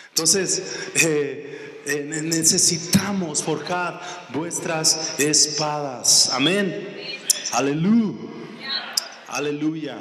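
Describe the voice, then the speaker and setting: A man's voice: fairly high pitch, a bit bright. A man preaching on evangelism in church, fervent and call-and-response, with joking asides and a habit of asking "¿verdad?". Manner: jokey asides with filler "¿verdad?". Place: church hall. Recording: echoey hall.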